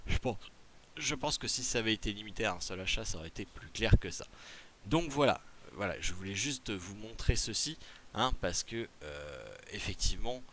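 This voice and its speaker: A man's voice: fairly low pitch, bright, forceful tone, slight background noise. A man with a Quebec French accent explains a game promotion in a casual tutorial, reading rules aloud and then chatting loosely with fillers and asides. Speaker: gaming video creator.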